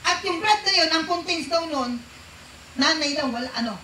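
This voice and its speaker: Woman preacher, high bright voice, keeps quizzing the congregation, roomy echoey church hall. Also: expressive, moderate pace, a little hiss or hum. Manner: questions the congregation, mixes English into Filipino. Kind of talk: sermon.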